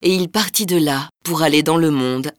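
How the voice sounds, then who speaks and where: A woman narrating a folk tale in a lively, rhythmic storytelling manner. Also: low voice, moderate pace, no echo, studio quality.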